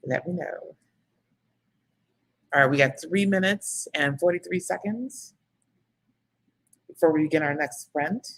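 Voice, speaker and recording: A woman with a low, husky voice hosts a casual livestream as a book coach. She chats freely, laughs often and reads out viewer comments. There is a gravelly edge to her speech. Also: measured pace, long pauses, a bit bright. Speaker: book coach hosting live writing sprints. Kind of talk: casual live-stream chat.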